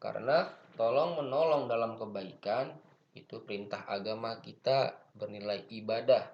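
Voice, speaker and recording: A man's voice: on the low side, normal speed, lo-fi sound. A male teacher with an Indonesian accent, patiently explaining English grammar in an online lesson and repeating each point.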